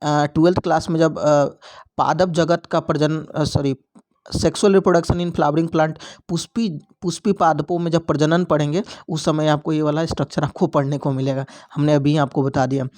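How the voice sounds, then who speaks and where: A young male teacher with a somewhat high voice, patiently walking through exam questions one by one. He repeats key points, slipping English terms into his explanations. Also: fairly even intonation, moderate pace, darkish tone. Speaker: biology teacher.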